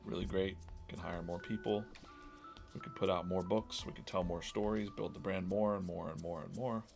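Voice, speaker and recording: Low gravelly man chatting while drawing. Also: fairly even intonation, moderate pace, a little mellow, soft background music. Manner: rambling, self-interrupting, business-minded. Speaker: comic artist hosting a live drawing stream. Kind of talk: casual live-stream chat while drawing.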